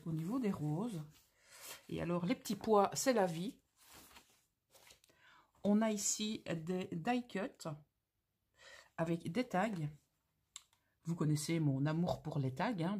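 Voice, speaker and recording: A woman's voice: on the low side, a little mellow, slightly rough. A woman hosting a craft channel, talking casually through an unboxing with gushing, exclamatory, slangy enthusiasm.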